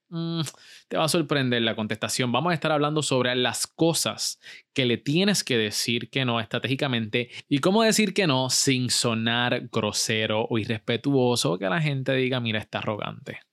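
A man's voice: medium pitch, expressive, moderate pace, fairly bright tone, no room sound, studio quality. A man hosting a solo motivational business podcast, talking energetically and putting questions straight to the listener. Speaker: podcast host.

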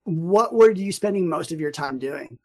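A podcast host chats casually in an interview, full of fillers and restarts. His voice is a little high and darkish, with lively intonation and a moderate pace.

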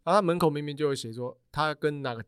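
A man co-hosting a podcast, telling a story in quick, insistent casual chat. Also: on the high side, clean tone, dry recording, clean studio sound. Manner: rapid storytelling, defensive and insistent. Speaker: podcast co-host.

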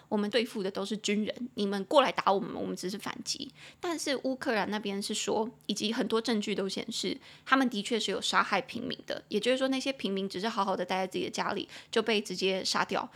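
A woman with a Taiwanese Mandarin accent hosting an English-learning podcast, reading English lines slowly and then explaining them in casual Mandarin. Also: medium pitch, fairly bright tone. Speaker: podcast host teaching English.

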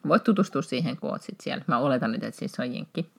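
A woman's voice: rumbling low, animated, gravelly, fairly bright tone, husky. A woman hosting a podcast, chatting casually and laughing often, with frequent restarts. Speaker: podcast host.

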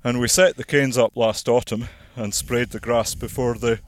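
Farmer explaining while walking outdoors. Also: male voice, mid-range voice, fairly even intonation. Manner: measured, explanatory, practical. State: slightly out of breath. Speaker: farmer and landowner. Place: outdoors on a hillside plantation.

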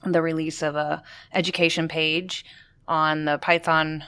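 Clear, lowish-voiced woman co-host. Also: flat delivery, measured pace, bright, forceful tone. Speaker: podcast co-host, teacher. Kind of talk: casual chat.

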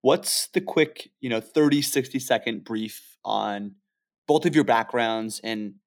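A man's voice: mid-range voice, measured pace. A man hosting an interview, asking questions in a conversational way. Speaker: podcast host.

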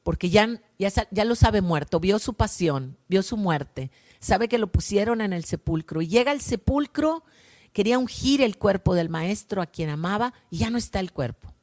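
A woman gives a slow, prayerful gospel reflection as a worship leader, often softening to a hush at the ends of lines. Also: medium pitch, lively intonation.

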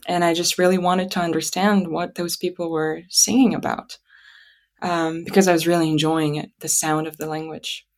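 A woman whose native language is Russian speaks in a slightly low voice. She tells stories about herself conversationally, pausing and thinking aloud as she goes. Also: little pitch movement. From Kazakhstan. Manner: halting, reflective, thinking aloud. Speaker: interview guest. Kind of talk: conversational personal storytelling.

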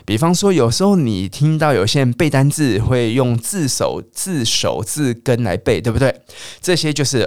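A man teaching English pronunciation on a radio lesson, spelling out letters and repeating each word slowly for listeners to say aloud. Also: medium pitch, very animated, darkish tone, no room sound, studio quality. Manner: drills words slowly and repeats them.

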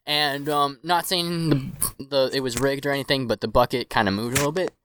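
A man's voice: mid-range voice, a little fast, a bit bright. Casual male podcast host with background noise. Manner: playful, rambling with fillers. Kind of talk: casual quiz chat.

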